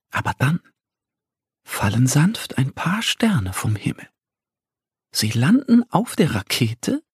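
A man narrating a children's story in a gentle, lively storytelling voice. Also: fairly high pitch, gravelly, breathy edge, no room sound, clean studio sound.

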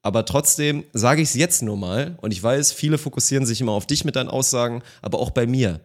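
A man co-hosting a casual podcast, talking at a rapid clip. He argues his point with animated rhetorical questions, and his voice sits at an average pitch. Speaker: podcast co-host.

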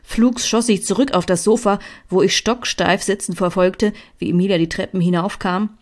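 A woman's voice: medium pitch, fairly even intonation, moderate pace. A woman author reading her own first-person story aloud.

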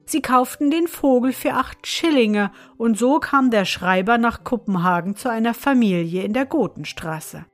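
A woman reading a fairy tale aloud as narrator, in an even storytelling manner. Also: a little high, normal speed, few pauses, faint music behind.

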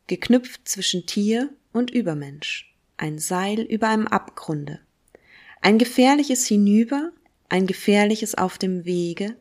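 A woman's voice: medium pitch, a little mellow, close to an everyday voice. A woman reading the words of a fervent male prophet who preaches to a crowd, declaiming them emphatically and solemnly. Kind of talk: dramatic reading of a philosophical text.

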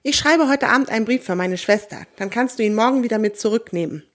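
A woman reading a kindly, chatty middle-aged woman in a children's story. Her voice is a little raised and warm, and she talks in a homely, easygoing way. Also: a little high, lively intonation, fast, close to an everyday voice.

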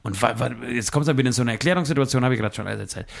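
Podcast co-host, man in his forties, fast rambling confession anecdotes with casual swearing. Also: mid-range voice, creaky. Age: 40s. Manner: rambling storyteller, swearing, acts out both sides of phone calls.

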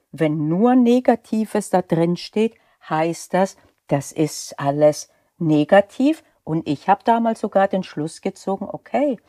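Slow, mellow-voiced woman lecturer. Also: on the low side, no room sound, studio quality. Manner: candid, personal, explanatory. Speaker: law lecturer and podcast host. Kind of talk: reflective podcast monologue.

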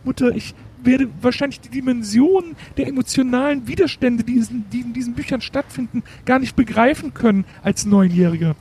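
Guy doing a super high squeaky nine year old smartass, prissy and preachy, faint hiss behind. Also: brisk, few pauses, dark tone. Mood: lecturing. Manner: prissy, lecturing, formal words. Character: know-it-all nine-year-old boy, prim and pedantic.

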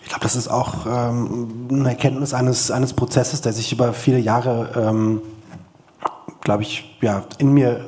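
A male author reading from his own book at a literary event in an earnest, measured way with many pauses, then answering questions. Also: medium pitch, little pitch movement, darkish tone. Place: literary event before an audience.

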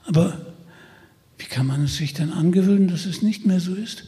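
A man's voice: high voice, moderate pace, mellow, natural voice. A man voicing a troubled, uneasy young man who pleads and questions, with long reverb.

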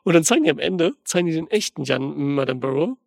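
A man's voice: on the high side, animated, quick pace, vocal fry, no echo, clean studio sound. A man ranting in a casual podcast chat about a film, rambling and slangy with lots of fillers. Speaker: podcast co-host reviewing a film.

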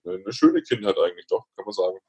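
A man, a podcast guest speaking reflectively, with pauses and restarts. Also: deep voice, darkish tone, muffled recording. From Franconia, Germany. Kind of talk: podcast interview.

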